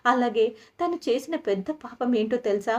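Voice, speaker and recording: A woman's voice: on the high side, animated, normal speed, darkish tone, close to an everyday voice. A woman voicing a pleading, guilt-ridden older woman. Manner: pleading, repeatedly begging forgiveness.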